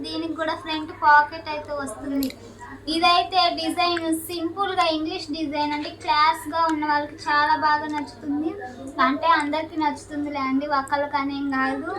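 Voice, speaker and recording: Soft-spoken high-voiced woman shopkeeper. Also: a little hiss or hum. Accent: Telugu, Andhra. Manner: soft-spoken, repeats filler words. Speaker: shop owner selling nighties. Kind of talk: casual product showcase. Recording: faint ambience, mic at a distance.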